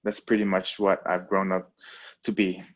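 This young man, a pro fighter from American Samoa, is a casual-interview guest on a remote call with lo-fi audio. He speaks in a deep monotone at a moderate pace, relaxed yet hesitant, filling pauses and restarting often.

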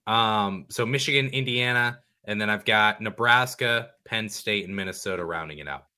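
Bright-voiced man, thoughtful and hedging. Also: fairly low pitch, normal speed, clean tone. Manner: thoughtful, hedging, many ums. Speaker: podcast guest. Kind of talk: casual sports podcast chat.

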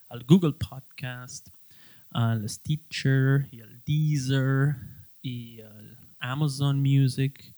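A man hosting his own podcast, talking casually and haltingly, often restarting words as he explains. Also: mid-range voice, mellow, dry recording. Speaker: podcast host. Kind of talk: casual solo podcast talk.

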